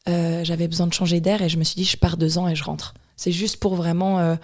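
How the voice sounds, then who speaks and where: Lively Swiss French woman telling stories. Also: on the low side, brisk. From Switzerland. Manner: animated storytelling with many restarts. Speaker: guest dancer. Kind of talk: casual interview chat.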